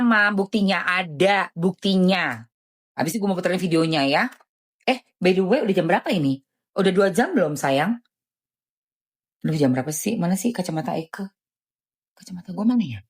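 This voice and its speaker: A woman's voice: normal speed, pauses often. A woman hosting a casual live stream, chatting animatedly in slang and selling skincare. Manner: animated, chatty, jumpy pitch swings, lots of slang.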